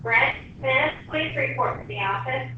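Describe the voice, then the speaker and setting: A woman from the school office making a short, formal announcement over the intercom loudspeaker. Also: high voice, a little slow, slight background noise. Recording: distant, dull loudspeaker sound in a classroom.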